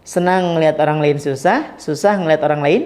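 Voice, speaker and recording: A man giving a casual Islamic study talk to a live audience, lively and joking, acting out little dialogues and asking the audience questions. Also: a little high, fairly quick. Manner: lively, acts out quoted dialogue, jokes with audience. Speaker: Islamic preacher.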